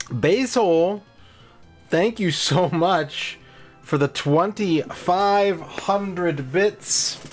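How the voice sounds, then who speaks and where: A man streaming on a headset mic, chatting casually and greeting and thanking viewers one by one. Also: fairly high pitch. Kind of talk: casual livestream chat.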